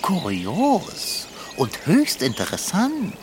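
A grumpy, lordly tomcat from a children's radio play whines and drawls at a slow pace. His pitch swings widely as he talks. Outdoor nature ambience with birds and animals is clearly heard behind him. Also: wildly swooping pitch, a little hiss or hum, heavily acted. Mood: grumbling. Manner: whiny and lordly, fussy word choice. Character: grumpy, pompous talking tomcat.

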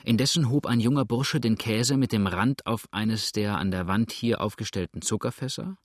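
A man's voice: fairly low pitch, moderate pace, no room sound. Male storybook narrator, dry close sound. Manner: steady storybook reading. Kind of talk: scripted narration.

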